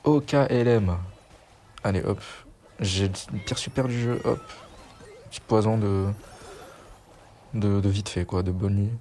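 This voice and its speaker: A man's voice: fairly low pitch, fairly even intonation, measured pace, long pauses, dark tone, a little hiss or hum. A young man giving casual, chatty gameplay commentary as a gaming YouTuber, self-mocking and slangy.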